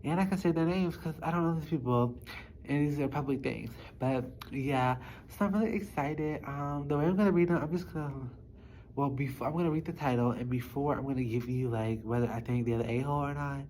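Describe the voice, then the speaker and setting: A woman's voice: rumbling low, brisk, dark tone, slight background noise, low-quality recording. A young woman vlogger chatting informally to her viewers in a small study room, with loose articulation. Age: young adult. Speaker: YouTube vlogger. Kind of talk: casual chat to viewers.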